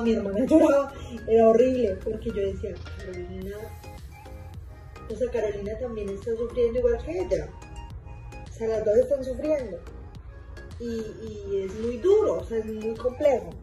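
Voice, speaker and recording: Dramatic storytelling woman, mellow voice. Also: a little high, muffled recording. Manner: repetitive, circling back on words; emotional, dramatic retelling. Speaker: narrator of a fan story. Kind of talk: first-person storytelling monologue.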